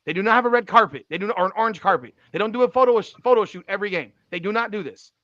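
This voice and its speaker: Rapid-fire and high-voiced, this podcast host in his forties talks casually, emphatically and repetitively, swearing freely. There's no room sound, but the recording comes across as dull and slightly lo-fi.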